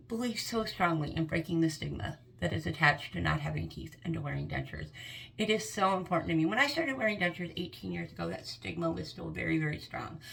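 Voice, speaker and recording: Woman, late fifties, vlogger, candid, earnest, lowish voice, gravelly. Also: fairly bright tone, poor audio. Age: 50s. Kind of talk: personal talk to camera.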